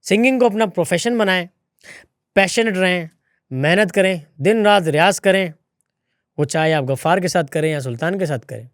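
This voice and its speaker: A young man playing an overconfident failed singer as a comedy guest, speaking slowly and self-importantly with halting pauses. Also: high-pitched, no room sound, clean studio sound, close to an everyday voice. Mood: smug. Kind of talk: comedy interview sketch.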